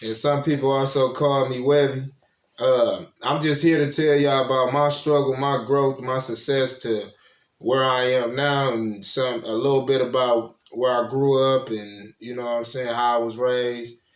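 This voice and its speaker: A man's voice: mid-range voice, fairly even intonation, a little slow. A man from Toledo, Ohio, hosting his own show and casually telling stories from his life, rambling and laid-back, often checking in with the listener. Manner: rambling and laid-back, often adds "you know what I'm saying". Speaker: host. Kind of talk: casual personal storytelling. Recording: roomy echo.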